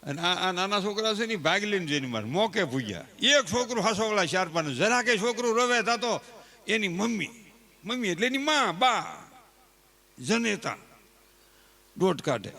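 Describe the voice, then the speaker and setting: A man's voice: high-pitched, animated, moderate pace, creaky, pushed and bright. A man telling humorous folk stories to a live audience in a chatty, teasing way. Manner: chatty, teasing and full of homely sayings. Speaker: folk speaker.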